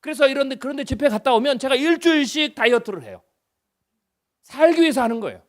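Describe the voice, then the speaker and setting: A man in his fifties preaching a revival sermon as a guest pastor, chatty and full of rhetorical questions, moving between loud emphasis and hushed lines. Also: extremely high pitch, big pitch swings, fast.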